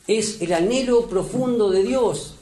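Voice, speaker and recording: Man, pastor preaching, high and mellow voice, echoey church. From Uruguay. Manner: preaching with rising emphasis, reads scripture slowly. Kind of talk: sermon.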